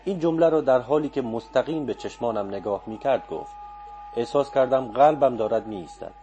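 A man reading a literary story aloud as an audiobook narrator, in a calm, reflective manner. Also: mid-range voice, lo-fi sound, a little hiss or hum. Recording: faint background music.

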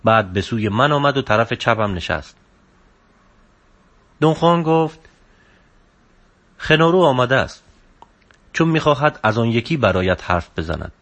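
Male narrator for a book reading, steady, subdued, mid-range pitch. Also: pauses often. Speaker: audiobook narrator.

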